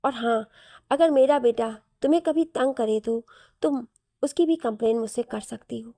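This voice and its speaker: A woman voicing an older royal father who gives firm, commanding orders in a Hindi storybook reading, in a fairly high, mellow voice. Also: moderate pace, dry recording, clean studio sound. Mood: fond.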